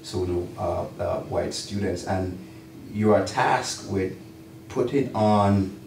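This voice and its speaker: A man's voice: low voice, slow pace, gravelly, a little mellow. A man with a Jamaican accent speaking reflectively in a round-table discussion, emphatic and repeating words as he goes. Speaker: college faculty member. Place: small indoor meeting room. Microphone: far camera or room mic. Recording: distant mic, echoey room, some noise.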